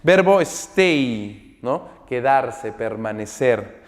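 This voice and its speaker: A man teaching an English grammar lesson in a patient, repetitive way, spelling words out slowly and checking in often with quick tag questions. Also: medium pitch, expressive, in a large hall. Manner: explains patiently, repeats, checks in with "¿ok?" and "¿no?".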